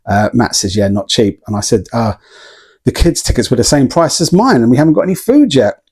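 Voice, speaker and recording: A man's voice: medium pitch, lively intonation, a little fast, darkish tone, breathy edge. A man in a casual vlog, chatting and telling a story with plenty of ums and small laughs. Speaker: vlogger.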